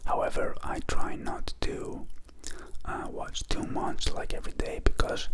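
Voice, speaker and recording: The clip is a slow, soft-spoken ASMR Q&A from a male channel host, whispered right into the microphone. He takes his time, says um often, and Greek is his native language.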